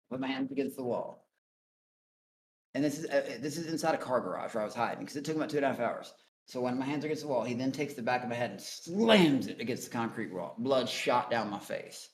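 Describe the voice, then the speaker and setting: A man's voice: mid-range voice, fast, a little hiss or hum. A man guest on a call-in interview, telling his story in a blunt, profane, rambling way. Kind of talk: casual storytelling.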